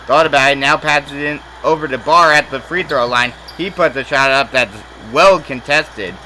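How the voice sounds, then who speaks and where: A man calling simulated basketball play-by-play, rattling off each possession and jumping up in pitch and volume when a shot drops. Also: pushed and bright, slight background noise, poor audio. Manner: rapid play calling that rises sharply on made shots. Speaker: play-by-play announcer.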